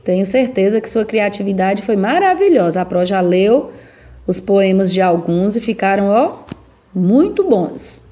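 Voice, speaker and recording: A woman's voice: mid-range voice, sing-song, measured pace, dark tone. A woman teacher giving class instructions in an encouraging way, often checking in with tag questions.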